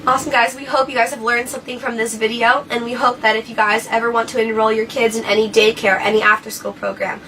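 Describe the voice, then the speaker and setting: High-voiced woman presenting a training video. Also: little pitch movement, fast, hardly any pauses, a bit bright. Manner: instructional, explaining and demonstrating to viewers. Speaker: presenter of a school bus safety video. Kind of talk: training video walkthrough, spoken to camera. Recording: distant mic, clearly noisy ambience.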